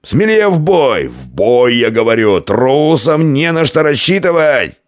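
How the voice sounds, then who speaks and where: A man's voice: mid-range voice, big pitch swings, a little slow, dry recording, studio quality, pitched above the performer's own voice. A man voicing a drunk, boastful barbarian warrior who bellows and slurs his threats in a storybook reading. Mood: rowdy singing.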